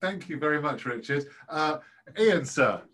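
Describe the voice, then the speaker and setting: A man's voice: on the high side, animated, measured pace, a bit bright. A man hosting an online student session, his voice sitting a little above average for a man. He is enthusiastic and effusive as he keeps the call moving between speakers. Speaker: host, course leader. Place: home, on a video call.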